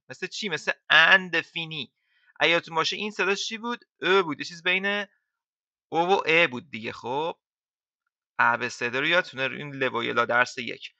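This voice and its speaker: A man teaching French to beginners in a casual, chatty way, repeating words slowly for learners. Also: a little high, gravelly, pushed and bright, dry recording. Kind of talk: casual lesson explaining to beginners. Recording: dull lo-fi dry sound.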